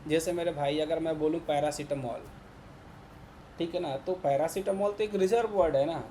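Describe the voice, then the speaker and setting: A man's voice: on the high side, normal speed, mellow, slight background noise. A man with an Indian Hindi accent teaching a programming class to students. He keeps checking in with his listeners, repeating words and asking whether they follow. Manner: repetitive, checks in with "ठीक है ना" constantly. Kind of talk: classroom lecture.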